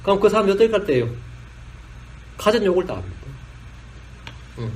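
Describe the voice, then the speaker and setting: A man's voice: high-pitched, big pitch swings, brisk. A man who is a pastor, preaching a blunt, scolding sermon, acting out little dialogues with coarse slang and laughter.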